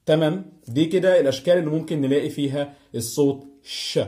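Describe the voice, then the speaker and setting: A man's voice: fairly high pitch, fast talker, warm tone. A man speaking Egyptian Arabic, teaching English pronunciation and repeating each example word several times. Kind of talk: online pronunciation lesson.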